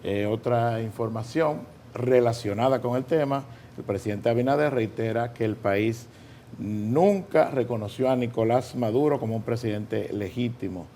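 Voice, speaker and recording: A man with a Dominican Spanish accent co-hosting a morning news show in a conversational way, pausing and repeating phrases as he comments. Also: medium pitch, warm tone. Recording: light background noise.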